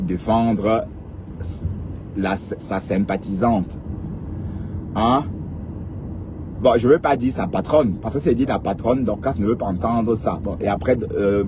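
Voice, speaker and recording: A man's voice: lowish voice, noisy background. Chatty man asking "hein?". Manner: rhetorical, peppers talk with questioning "hein?"; talks straight to viewers and commenters. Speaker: online gossip commentator. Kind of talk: casual live commentary on social media drama.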